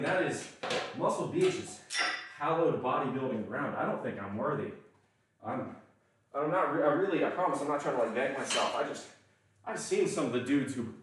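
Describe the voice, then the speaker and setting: Between sets at an indoor gym, a man with a mild Southern accent and a mid-range, slightly bright voice chats casually and self-deprecatingly with his livestream viewers. He's recorded from a distance, off-mic, in a very echoey room.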